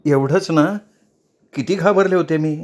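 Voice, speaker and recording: A man's voice: fairly high pitch, measured pace, darkish tone, voice pushed up. A male narrator voicing an anxious middle-aged wife and mother who pleads and tries to soothe. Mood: pleading.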